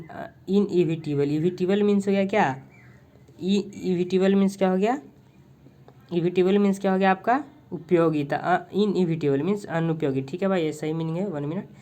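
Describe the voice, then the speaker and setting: A vocabulary teacher with an Indian accent gives a casual lesson teaching English words through Hindi, recorded on a phone on a tripod with a mic. He constantly repeats "ठीक है", asks and answers his own questions, and often pauses hesitantly with fillers to search for words. His voice is on the high side and a little mellow.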